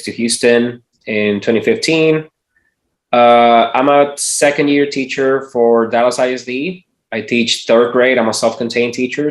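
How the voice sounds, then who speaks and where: A man from Venezuela, a third-grade teacher, introducing himself quickly with filler pauses. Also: mid-range voice. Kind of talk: self-introduction in a video clip. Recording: roomy echo.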